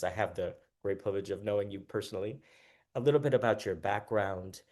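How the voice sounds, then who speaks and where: Male panel moderator, low voice, eager and effusive, restarts a lot. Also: a little mellow. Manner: enthusiastic, with frequent restarts and small laughs. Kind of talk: panel discussion introduction.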